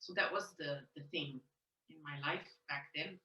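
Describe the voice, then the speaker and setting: A woman from Switzerland, a guest telling her story in soft, hesitant casual speech. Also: sits low, moderate pace, lo-fi sound. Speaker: interview guest and online money coach. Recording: roomy, distant mic.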